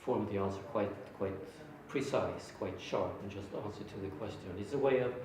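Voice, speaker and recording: A man's voice: fairly low pitch, normal speed, darkish tone. Man questioning from across an echoey room. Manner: probing questions with frequent stutter-restarts. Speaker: teacher leading a reasoning exercise. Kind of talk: Socratic questioning session. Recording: very echoey room, distant mic, faint hiss.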